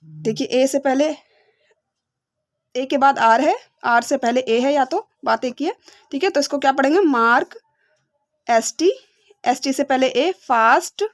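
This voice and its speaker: A young woman with a high, bright-pitched voice teaches beginner phonics. She spells out each letter sound slowly and patiently, pausing often to check her learners follow. The sound is close and dry, with no room echo. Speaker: English teacher.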